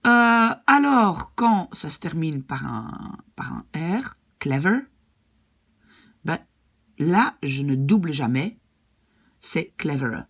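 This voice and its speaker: A woman's voice: deep voice, big pitch swings, slow. A woman language teacher patiently explaining grammar rules and often checking that her students follow.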